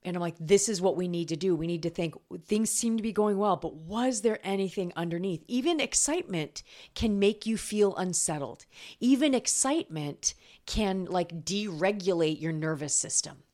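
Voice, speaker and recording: A woman's voice: on the low side, expressive, normal speed, darkish tone. A middle-aged woman hosting a podcast as a weight-loss coach, telling a personal story in an earnest solo monologue.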